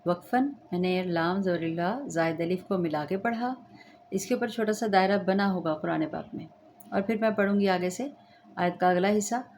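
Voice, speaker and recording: A woman's voice: fairly low pitch, normal speed, a little mellow, a little hiss or hum. A woman teaching the rules of Quran recitation, patiently explaining step by step and checking that students understand. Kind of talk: slow tajweed lesson with chanted recitation.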